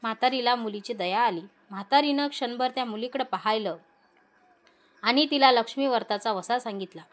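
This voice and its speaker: A woman's voice: a little high, normal speed. Woman narrating a devotional tale. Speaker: storyteller.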